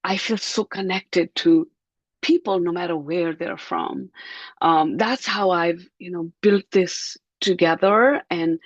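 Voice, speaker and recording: A woman's voice: on the low side, no echo. Middle-aged woman from Nepal, reflective interview guest, slightly muffled, close dry recording. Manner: thoughtful, measured, slows to stress words.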